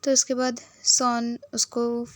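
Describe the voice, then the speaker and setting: This is a woman narrating a drama's plot in a relaxed, chatty way. Her voice is slightly high, and the recording is dry and close. She perks up whenever she quotes a character. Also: takes it slowly, no echo. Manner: lively, switches into quoted lines with a lifted voice. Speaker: narrator explaining a drama series. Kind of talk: casual storytelling narration with acted quotes.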